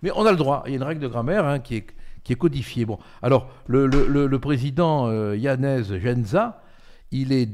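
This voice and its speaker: With a medium-pitched, darkish voice and lively intonation, an older political commentator hosts a talk show at a brisk pace. He's emphatic, with many fillers and restarts, and there's slight background noise.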